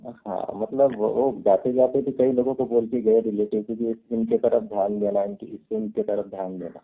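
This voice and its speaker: A man's voice: mid-range voice, expressive, normal speed, gravelly, phone-quality sound. A man sitting in on a reading, earnestly prompting the reader with questions. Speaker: client. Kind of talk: casual chat.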